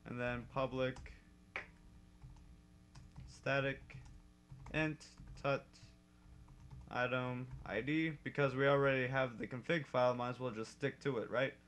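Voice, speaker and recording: A young man talks through a casual coding tutorial at his desk, chatty and quick to correct his own slips. His voice sits at an ordinary middle pitch. Keyboard typing clacks behind him. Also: fairly even intonation, a bit bright. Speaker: modding tutorial host.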